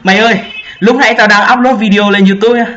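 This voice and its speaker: A man's voice: high voice, fast talker. A young man chatting casually and joking with friends while gaming. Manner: joking, excitable, swears casually. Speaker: gaming channel host. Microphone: voice chat mic. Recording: echoey, dull lo-fi voice chat.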